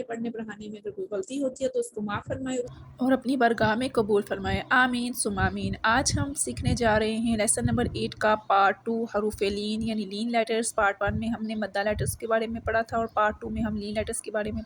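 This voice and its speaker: A woman teaching Quran reading in an online tajweed lesson, explaining briskly and then drilling letter sounds slowly one by one. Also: on the high side, slight background noise, poor audio. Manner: slow, drilled letter-by-letter recitation.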